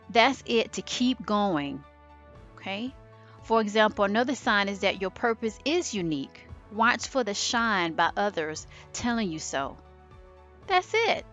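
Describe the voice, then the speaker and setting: A woman hosting a motivational podcast, talking emphatically and acting out little voices of doubt and fear. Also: medium pitch. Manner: animated and emphatic, acts out inner voices. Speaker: podcast host.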